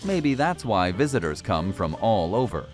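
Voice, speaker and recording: Low-voiced man narrating a travel documentary. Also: sing-song, unhurried. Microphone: studio voice-over. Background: background music.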